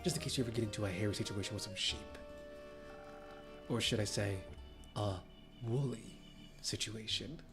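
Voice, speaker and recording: A man's voice: lowish voice, moderate pace, pauses often, over music, lightly acted. A man voicing a brash one-armed woman in a pirate drawl, sly and joking, reading game lines aloud.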